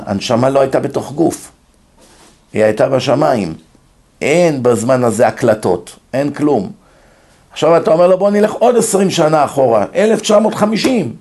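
A man with a slightly high, gravelly voice and a dark, mellow tone gives a lecture. He tells stories and acts out the people in them, shifting his voice for each quoted line. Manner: storytelling, acts out quoted dialogue with shifts in pitch. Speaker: religious lecturer. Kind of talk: lecture on the mind and soul.

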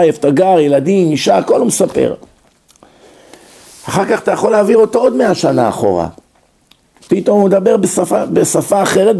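A religious lecturer gives a talk on the mind and soul, telling stories and acting out the characters by shifting his pitch for each quoted line. His voice is slightly high and gravelly, with a dark, mellow tone.

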